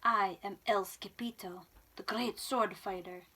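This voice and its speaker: A woman's voice: mid-range voice, measured pace. A woman voicing a bouncy, boastful boy kitten who plays at being a swordsman, in a theatrical storybook manner. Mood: bold. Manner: excitable, theatrical. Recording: clear background room noise.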